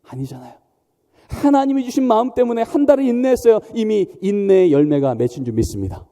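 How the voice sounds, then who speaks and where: A man's voice: high-pitched, big pitch swings, fast talker, dark tone. A man preaching a sermon in a church, emphatic and often questioning the congregation. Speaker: pastor. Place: large church hall. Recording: long church hall reverb.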